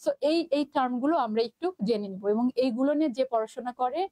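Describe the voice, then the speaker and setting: A woman with a Bangladeshi Bengali accent teaches a live online class, chatting easily, mixing in English terms and answering student comments. Her voice sits high, and it is recorded close and dry with no room sound. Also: fast talker, mellow, no room sound.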